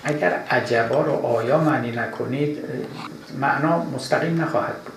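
Male lecturer, measured and explanatory, gravelly tone; echoey hall recording with background noise. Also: mid-range voice. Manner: measured, explanatory, recites verses. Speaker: lecturer on classical Persian poetry. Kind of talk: live lecture to an audience. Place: lecture room with audience.

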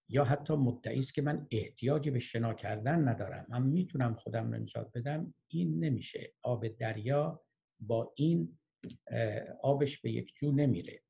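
A man giving a lecture, reciting verses slowly and then explaining them in plain conversational speech. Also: mid-range voice, vocal fry, dark tone, slightly rough. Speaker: lecturer on classical poetry. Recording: muffled lo-fi recording.

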